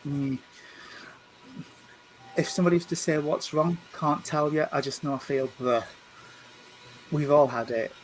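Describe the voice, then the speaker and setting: A man, working as a medium and giving a spirit reading at a church service. He speaks gently and reassuringly, often stumbling over and repeating his words. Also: fairly high pitch, fairly even intonation, measured pace, long pauses, slight background noise, low-quality recording. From England. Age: 50s. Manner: hesitant, repeats and restarts words.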